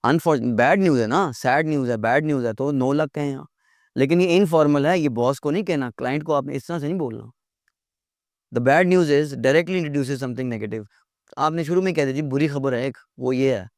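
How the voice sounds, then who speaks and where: A man's voice: mid-range voice, fast, dry recording, clean studio sound. A middle-aged man teaching an English lesson, earnest and repeating words to drill them in.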